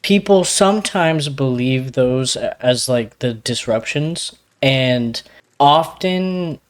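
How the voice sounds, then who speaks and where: A man's voice: mid-range voice, animated, takes it slowly. A man co-hosting a podcast, with a slight lisp, explaining things in a rambling, hedging way full of fillers. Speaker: podcast co-host. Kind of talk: casual podcast chat.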